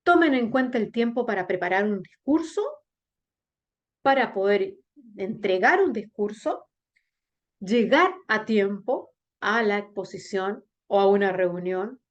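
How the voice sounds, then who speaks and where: A woman teacher giving a class on public speaking, talking straight to her students and checking in with "¿bien?", with big swings in pitch and slow, sung-out demonstrations. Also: lively intonation. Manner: addresses students directly with frequent "¿bien?" check-ins. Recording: dull lo-fi recording.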